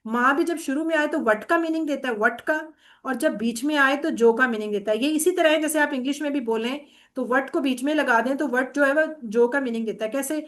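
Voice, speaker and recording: A woman's voice: high-pitched, a bit bright. A woman teaching an online Arabic grammar class. She explains patiently, often checks that students follow, and mixes English words into her explanations. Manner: patient, often checks understanding with "theek hai?".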